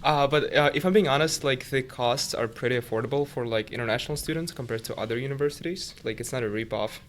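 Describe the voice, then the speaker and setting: A young man from Uzbekistan whose first language is Russian chats casually as a podcast guest in an interview. He's a student tutor, speaking relaxed at a quick pace in a medium-pitched voice, leaning on "like" as filler.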